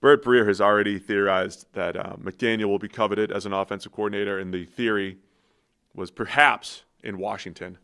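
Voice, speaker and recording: A man co-hosting a casual football podcast, trading quick banter and introducing the games. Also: lowish voice, fairly even intonation, fairly bright tone, smooth. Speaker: podcast co-host, football analyst. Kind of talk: casual sports podcast chat.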